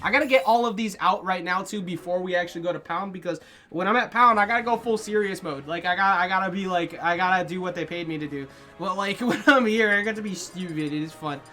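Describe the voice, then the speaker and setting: Young male tournament commentator with a bright, sharp tone, casual and joking, faint music behind. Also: sits high, quick pace. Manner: joking, laughs often. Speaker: esports commentator.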